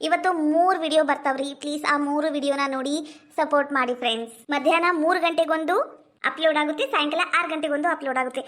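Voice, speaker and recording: A woman hosting a channel in a North Karnataka Kannada accent, pleading in a friendly way for support. Her voice is very high, and she speaks quickly. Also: a bit bright. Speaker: channel host. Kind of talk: channel sign-off to viewers.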